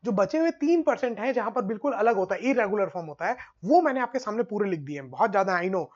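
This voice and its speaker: A male teacher giving an online exam-prep lesson, drilling word forms in a steady rhythm and often checking that students follow. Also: sits high, quick pace, lo-fi sound.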